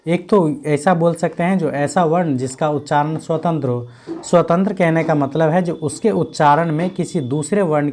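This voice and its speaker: A man teaching a grammar lesson who asks questions and answers them himself, repeating key points, checking in often and sounding out letters slowly. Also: fairly high pitch, a little mellow.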